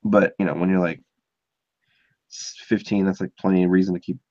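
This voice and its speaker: A man's voice: sits low, flat delivery, a little fast, a little mellow, no room sound. A man from Ohio chatting casually as a podcast host, rambling with lots of fillers. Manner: rambling, filler-heavy, chuckling. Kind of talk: casual chat. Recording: dull muffled sound.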